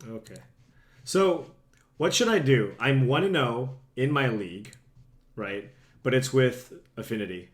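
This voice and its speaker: A young man live-streams a card game from a room at home, chatting loosely and self-deprecatingly straight to his viewers. His medium-pitched voice is expressive and unhurried, though he is slightly sick and starting to lose it.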